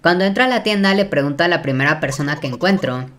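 A woman's voice: low voice, expressive, fast talker, fairly bright tone, slight background noise. A woman from casually reading a text game aloud in a nervous, self-mocking way, stumbling over words and giggling. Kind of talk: casual let's-play narration and reading. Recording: game music playing behind her voice.

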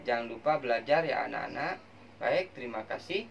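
A man's voice: mid-range voice, expressive, fairly quick, muffled recording. A male primary school teacher, patiently drilling syllables in a children's reading lesson. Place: classroom at a whiteboard. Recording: distant mic with clear background noise.

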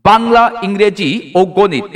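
High-voiced man calling through a megaphone. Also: animated, distant mic. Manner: calling out, drawn-out repeated slogans. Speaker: advertising announcer. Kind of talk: loud promotional miking announcement.

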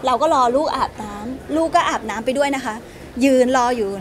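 High-voiced woman, earnest interview. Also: fairly quick, crowd noise. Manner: earnest, explaining at length. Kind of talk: emotional interview.

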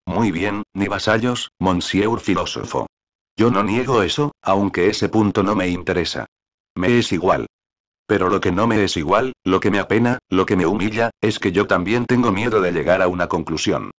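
Deep voice, old nobleman, scheming, mocking, scolding, read by a man. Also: moderate pace, close to an everyday voice. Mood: scornful.

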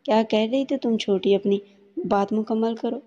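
A woman's voice: a little high, mellow, close to an everyday voice. A woman voicing a young man, a stern older brother who speaks in a scolding tone. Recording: dull lo-fi audio with long reverb.

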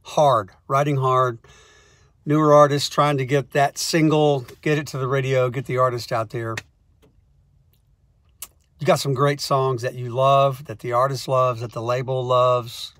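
A man who is a songwriter, telling comic stories in a wry, animated way and acting out the scenes. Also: mid-range voice, unhurried, no echo. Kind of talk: comic storytelling monologue.

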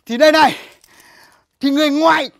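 An actress playing a village character earnestly explaining a point about a bundle of chopsticks. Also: female voice, sits high, steady tone, brisk, gravelly, very noisy. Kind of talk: comedy film acting.

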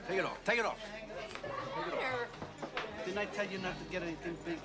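A raging mob boss. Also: male voice, sits high, lively intonation, brisk, a loud crowd. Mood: commanding. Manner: furious, profane berating with repeated questions. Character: menacing middle-aged male mob boss, explosive temper. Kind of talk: film drama acting. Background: loud party music.

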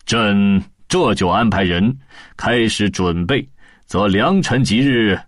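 A man's voice: fairly low pitch, takes it slowly, dry recording, clean studio sound. A man voicing an imperious male king in an audiobook, commanding and threatening. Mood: decisive. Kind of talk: storybook audiobook voice acting.

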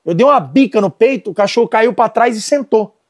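High-voiced Brazilian dog trainer. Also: male voice, brisk. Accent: Brazilian Portuguese. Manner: animated storytelling, gives commands to dogs and helpers. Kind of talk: casual instructional talk.

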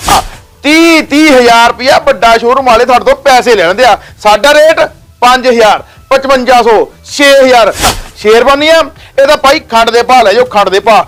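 Male promo host, very high pitch, dramatic exclamatory sales delivery with emphatic repetition. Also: normal speed, fairly bright tone. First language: Punjabi. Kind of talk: excited shop promotion pitch.

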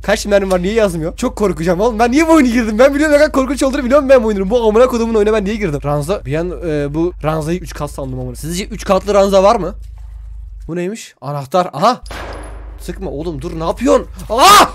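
A man's voice: high voice, fast talker. A young man streaming a horror game, talking straight to his viewers, swearing a lot and yelping in fright. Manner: excitable, yelps and shouts in fright, swears a lot; talks to viewers directly. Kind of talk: horror game let's play commentary.

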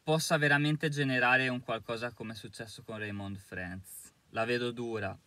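A man's voice: mid-range voice, steady tone, moderate pace, sharp tone, dry recording. A man giving an indignant, emphatic monologue to camera as a commentator, with hesitant fillers between his points. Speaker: YouTube commentator.

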